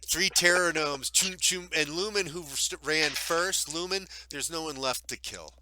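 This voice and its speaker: A man's voice: a little high, a little slow, a little hiss or hum. A man narrating as game master in a live tabletop game, describing combat with easy humor. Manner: relaxed, laughing, describing combat.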